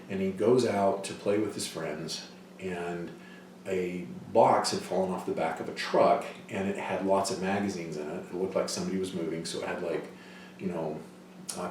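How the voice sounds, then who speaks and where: A man's voice: low voice, a little hiss or hum. Man lecturing in a very echoey hall. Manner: storytelling, acts out quoted voices loudly. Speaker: psychology lecturer. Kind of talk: lecture with case stories. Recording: distant mic in a very echoey hall.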